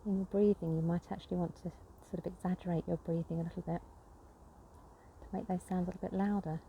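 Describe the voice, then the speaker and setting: A woman guiding a nature breathing meditation, speaking gently and unhurriedly with pauses between phrases. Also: lowish voice, level tone, gravelly, highs cut off, slight background noise. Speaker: nature connection guide.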